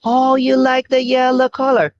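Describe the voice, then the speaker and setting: A woman with a Filipino accent teaching English online to a young child. She speaks slowly and clearly, coaxing the child along and praising every answer. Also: high voice, little pitch movement, highs cut off. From Philippines. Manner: slow, clear, cheerful coaxing with frequent praise.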